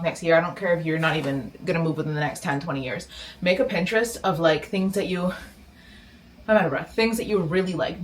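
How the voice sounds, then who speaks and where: A woman's voice: fairly low pitch, fairly bright tone, slight background noise. A young woman vlogging casually in her bedroom, chatty and rambling, often breaking off mid-sentence. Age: young adult. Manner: chatty, rambling, self-interrupting. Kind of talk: casual vlog chat. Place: home bedroom, indoors.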